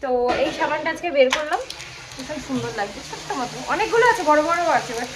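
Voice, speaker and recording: A woman's voice: high voice, lively intonation, fast talker, very noisy. A young woman chatting casually to camera as a family vlogger at home, filmed on a phone. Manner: chatty, keeps addressing viewers as "guys". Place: home, indoors.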